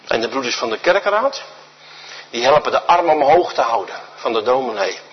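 A man's voice: medium pitch, sing-song, brisk, breathy edge. A man preaching in a church, emphatic and repetitive, often asking rhetorical questions. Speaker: guest preacher. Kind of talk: sermon. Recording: dull recording with long church reverb.

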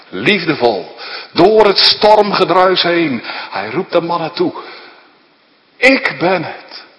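A man's voice: fairly high pitch, sharp tone. A man dramatically retelling a Bible story, asking his listeners rhetorical questions as a preacher. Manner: vivid, asks listeners rhetorical questions, tag "hè". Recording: long reverb of a large hall.

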